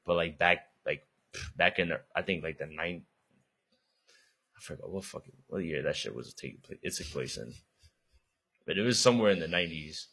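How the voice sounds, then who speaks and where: A man's voice: low voice, lively intonation, normal speed, creaky, pauses often, fairly bright tone, husky. A young man co-hosting a podcast, chatting casually in a slangy, laid-back way with frequent swearing. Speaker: podcast co-host. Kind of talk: casual chat.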